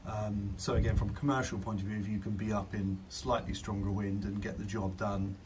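His voice sits fairly low, a little mellow and slightly quick, with a level tone. He's a drone reviewer giving relaxed demo commentary, pondering aloud with hesitation, out on a garden patio in the rain, with clear background noise in the recording.

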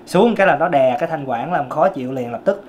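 A man with a tenor voice and a Southern Vietnamese accent runs a singing lesson as a vocal coach. He explains emphatically and keeps repeating his key points. Soft guitar music plays faintly in the background. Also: on the high side.

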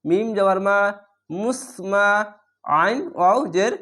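In a high voice, a recitation teacher spells out every word letter by letter before chanting it in a slow, drawn-out way. He lays out the reading rules briskly and keeps repeating them.

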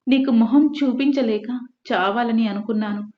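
A woman's voice: on the high side, moderate pace, lightly acted. A woman reading the part of a sorrowful, resigned young pregnant woman. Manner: sad, quiet resignation. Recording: echoey room, dull lo-fi.

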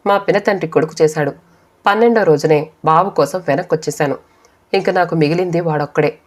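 A woman reading a first-person family story aloud as an audiobook narrator, voicing the quoted relatives in her own voice. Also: deep voice.

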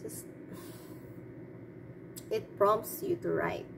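A woman's voice: mid-range voice, wildly swooping pitch, very slow. A woman giving her opinions in a casual, off-the-cuff monologue, hesitant and rambling as she thinks aloud. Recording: clearly noisy background.

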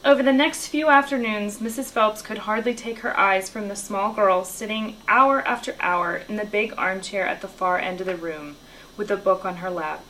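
A woman reading a children's novel aloud, telling the story in a lively way and raising her voice for the characters' lines. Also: a little hiss or hum, poor audio. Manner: lively storytelling, lifting her pitch for dialogue. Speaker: reader.

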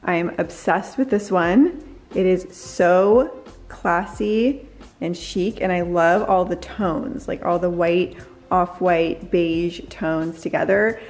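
A woman's voice: fairly low pitch, slow pace, darkish tone. A woman in her thirties chatting upbeat and gushing in a casual vlog try-on at home. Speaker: lifestyle vlogger. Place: bright living room at home. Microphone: camera in hand and mirror selfies.

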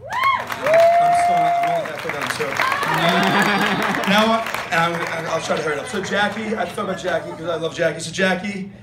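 Over a loud crowd, a young man's high voice swoops wildly in pitch at normal speed as he gives a best man's toast on a handheld mic. His speech is rambling, joke-filled, and heavy with fillers, echoing around a large wedding tent while guests laugh.

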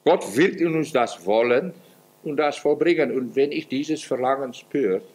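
A man preaching a sermon as pastor, earnest, his voice swinging up and down in pitch and loudness. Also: normal speed. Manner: acts out quoted prayers in a pleading voice.

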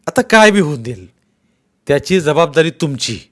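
A man playing a furious, shouting village headman. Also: fairly high pitch, sing-song, normal speed, pitched above the performer's own voice. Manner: shouting, threatening.

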